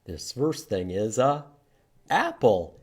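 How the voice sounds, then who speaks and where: Taking it slowly, this library storytime host reads aloud and works through letters with little ones in simple, sing-song phrases. His lowish, darkish voice swings widely in pitch over a faint hiss or hum.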